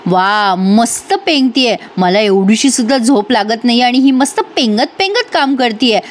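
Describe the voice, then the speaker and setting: A young husband who mutters irritably to himself and then turns urgent and protective, as a woman reviewer reads his lines. The voice sits high. The lines are delivered plainly, close to a reading. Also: animated, moderate pace, natural voice. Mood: grumbling.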